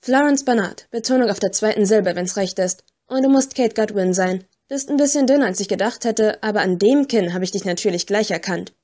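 A woman's voice: medium pitch, brisk, few pauses, dark tone, close to an everyday voice. Flo Bones, brash cheeky scavenger played by a woman. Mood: brash teasing. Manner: brash, crude, teasing. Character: scruffy cheeky young female river scavenger.

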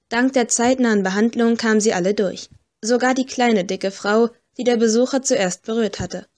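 A woman reading an audiobook in a steady, measured first-person narration. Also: medium pitch.

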